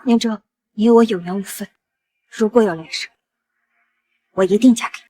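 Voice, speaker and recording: A woman's voice: mid-range voice, normal speed, warm tone, husky, natural voice. An actress playing an earnest, self-sacrificing young woman in a fantasy drama, pleading with solemn emotion. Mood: resolute pleading. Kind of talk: Chinese fantasy short-drama acting.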